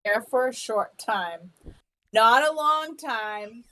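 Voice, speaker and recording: A woman's voice: fairly high pitch, animated, slow, bright, forceful tone. A woman co-hosting a podcast over a video call, casual and jokey, blunt, swearing and laughing a lot. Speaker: podcast co-host. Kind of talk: casual chat.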